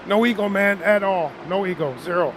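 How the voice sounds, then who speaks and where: A man talking with his racing team over voice chat, candid and relaxed, swearing and laughing easily. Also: sits high, a little fast, background noise. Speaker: teammate driver.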